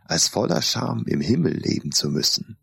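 A man's voice: lowish voice, big pitch swings, moderate pace, creaky, husky, no room sound, voice pushed up, full character voice. A man voicing a scornful, manipulative talking mask in an audiobook, taunting and threatening. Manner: taunting, then dark and threatening. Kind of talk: audiobook character voice.

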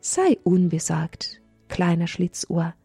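Storybook magic crystal, gentle and solemn, mellow and slightly husky, voiced by a woman. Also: lowish voice, expressive, slow, soft background music, exaggerated voice. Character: wise glowing sun crystal, gentle and solemn.

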